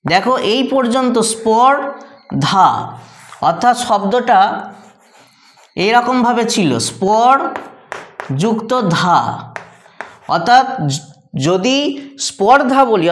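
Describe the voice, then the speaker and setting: A male teacher giving a grammar lesson, patiently repeating examples and asking rhetorical questions. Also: very high-pitched. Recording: echoey room.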